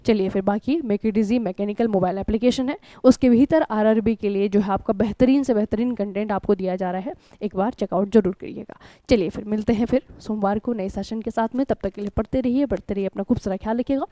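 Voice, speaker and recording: A woman's voice: mid-range voice, brisk, hardly any pauses, dark tone, no echo. An Indian woman teaching an online exam-prep lesson in a conversational way, often checking in with her students. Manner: conversational, keeps asking "ठीक है?" and addressing students as children. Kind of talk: online current-affairs lesson.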